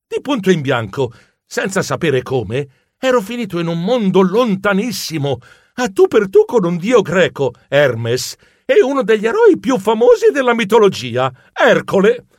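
Male narrator for a children's audiobook, very animated, slightly high. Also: no room sound, clean studio sound. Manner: lively, expressive storytelling. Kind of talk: first-person audiobook narration.

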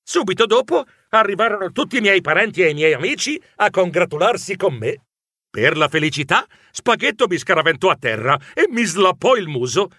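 A man narrating a children's story in an expressive, animated way. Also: high-pitched, fairly quick, no echo, studio quality. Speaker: audiobook narrator.

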